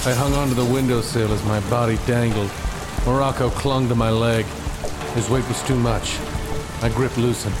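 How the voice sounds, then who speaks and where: A man playing a dim-witted private detective who narrates his misadventures deadpan, in a comedy audio drama. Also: mid-range voice, lightly acted. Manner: deadpan, matter-of-fact. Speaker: narrator and lead character. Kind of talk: scripted comedic noir narration.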